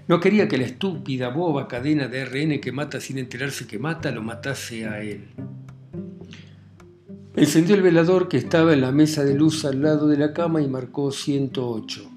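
A man reading a short story aloud in a calm, measured way with dry irony. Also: medium pitch, soft background music.

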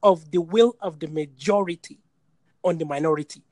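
A man's voice: a little high, normal speed, a little mellow, no echo. A man from Nigeria hosting a casual call-in discussion, stating his views bluntly and repeating his points. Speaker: podcast host. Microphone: phone or video call.

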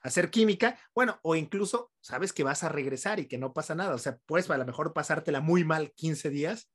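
A man with a Mexican accent hosts a casual podcast conversation. He talks in a relaxed, slangy way, often agreeing with his guest. His voice sits a little higher than most men's. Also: a little fast. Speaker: podcast host. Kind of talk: casual chat.

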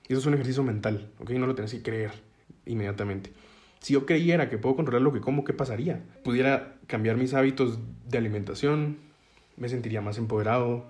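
A man's voice: mid-range voice, a little mellow. A man giving a casual, explanatory self-help talk, often checking in with listeners as he goes and leaning on everyday metaphors to make his points. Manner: conversational, checks in with listeners with frequent "ok?"; uses metaphors to explain ideas.

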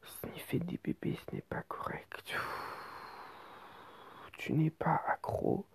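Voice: slow, lightly acted. A woman's faint whispered inner voice, whispered role-play. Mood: coaxing. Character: junkie's hushed inner voice, self-soothing.

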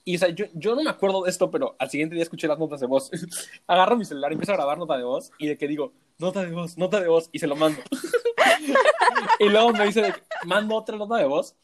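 A man's voice: sits high, sing-song, fast talker, a bit bright. A young man with a Mexican Spanish accent, hosting a podcast in casual chat and laughing often as he tells stories. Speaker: podcast host.

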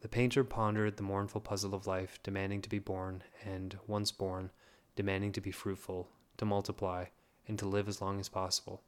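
A man reading a story aloud in a measured, plain way. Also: deep voice, level tone. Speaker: narrator.

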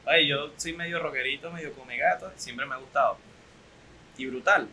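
A man's voice: a little high, normal speed, sharp tone, slight background noise, poor audio. A young man with a Venezuelan accent hosting a casual podcast interview, chatty and teasing. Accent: Venezuelan Spanish. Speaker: podcast host.

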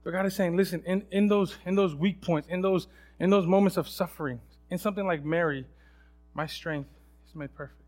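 Young male preacher, slightly high voice, casual sermon, restarts sentences, acts out voices. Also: brisk, a little mellow, faint music behind. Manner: many restarts and fillers. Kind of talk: sermon with personal story.

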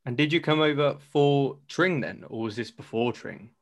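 Young male host, mid-pitched voice, friendly and talkative, quick to laugh. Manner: friendly, chatty, laughs often. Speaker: podcast host. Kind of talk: casual interview.

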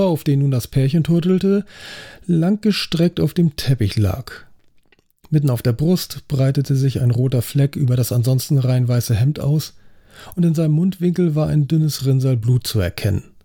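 Mellow-voiced male audiobook narrator. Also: fairly high pitch, normal speed. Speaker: audiobook reader. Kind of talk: scripted narration.

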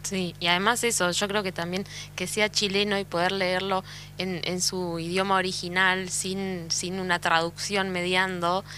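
A woman's voice: lowish voice, level tone, normal speed, sharp tone, slight background noise. A woman with an Argentine accent chatting casually as co-host of a radio show. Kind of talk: casual chat.

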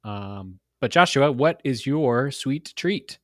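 Easygoing man with halting fillers. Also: medium pitch, lively intonation, fairly bright tone, no room sound, studio quality. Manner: easygoing, hesitant with many fillers. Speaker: podcast co-host. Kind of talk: casual movie podcast chat.

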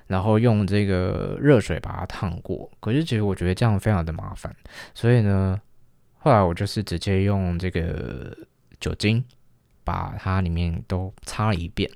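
A young man telling a casual, lively story, acting out the lines of the people in it. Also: low voice, gravelly, clear, resonant tone, no echo, clean studio sound. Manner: chatty, animated retelling with quoted dialogue.

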